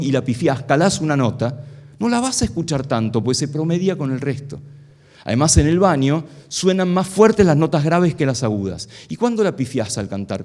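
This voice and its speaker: A man's voice: on the high side, a little mellow. A middle-aged man giving a playful live science talk on stage, asking the audience a stream of questions. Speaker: science lecturer.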